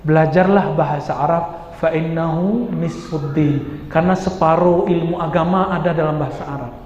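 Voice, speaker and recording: A man preaching a sermon in a mosque, lively and posing rhetorical questions to his listeners. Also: fairly high pitch, moderate pace, slight background noise. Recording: echoey hall, dull sound.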